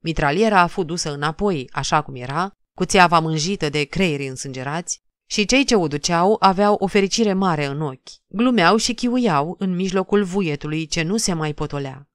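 A woman narrating an audiobook of a classic novel in a measured, dramatic reading. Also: fairly low pitch, expressive, clean tone, no echo, studio quality. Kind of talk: scripted literary narration.

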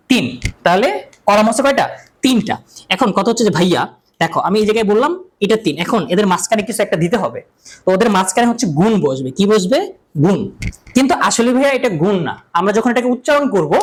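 A male math teacher talks quickly through a classroom lecture. He keeps asking questions and answering them himself, and he repeats key terms to drive them home. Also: sits high, low-quality recording.

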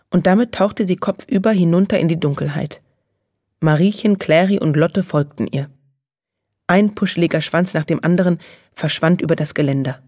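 Low husky woman reading a children's story. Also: darkish tone, no echo, studio quality. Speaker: audiobook reader. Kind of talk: children's audiobook narration.

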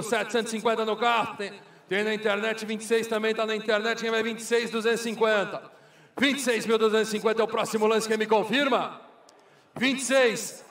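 A man's voice: high-pitched, fairly bright tone. A Brazilian man working as a car auctioneer, calling bids in a repetitive, formulaic chant. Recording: echoey hall, far from microphone.

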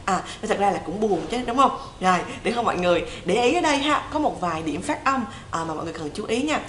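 A woman's voice: mid-range voice, animated, fast, a bit bright, roomy sound, a little hiss or hum, rough recording. A young woman teaching English pronunciation on a livestream, chatty and repeating words to drill them. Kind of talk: livestream song lesson.

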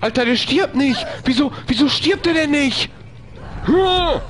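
A man's voice: extremely high pitch, normal speed, a bit bright. A man streaming a horror game, talking to himself in panicky bursts and repeating phrases. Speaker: let's play streamer. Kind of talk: live gameplay commentary.

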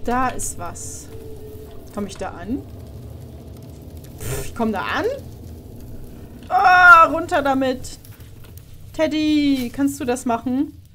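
High-voiced woman reacting to a horror game. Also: sing-song, slow pace, long pauses, pushed and bright, a little hiss or hum. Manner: exclaiming, chatty, swears now and then. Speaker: let's play host. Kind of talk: commented horror gameplay.

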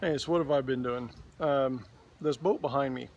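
A man in his forties vlogging outdoors in a boatyard, talking into a phone held at arm's length in a relaxed, rambling way. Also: medium pitch, normal speed, lo-fi sound. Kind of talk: casual video diary. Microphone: phone camera at arm's length.

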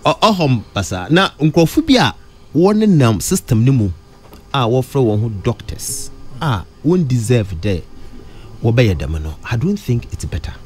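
A middle-aged man with a Ghanaian accent speaks close to a studio mic. His voice swings widely in pitch, jumping high on questions as he switches between Twi and English. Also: sing-song, moderate pace, darkish tone, soft background music. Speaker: radio studio guest. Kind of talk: radio studio discussion. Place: radio studio. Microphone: studio mic close to mouth.

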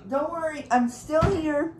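A young woman hosts a casual eating vlog from a room at home, rambling to her viewers as she goes. Her voice sits a little high and she talks at an unhurried, drawn-out pace. A faint hum of background noise runs under her voice. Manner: chatty, rambling, talks to viewers while preparing food. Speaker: YouTuber. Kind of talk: casual mukbang vlog chat.

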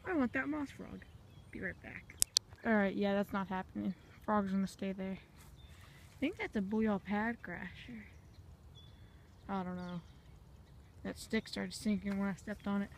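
A woman's voice: medium pitch, a little slow, vocal fry, pauses often, a little hiss or hum. A woman filming a casual fishing vlog on a handheld phone outdoors by a pond, rambling to her viewers as she goes. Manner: rambling, chatty, talks to viewers as "guys". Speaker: fishing vlogger.

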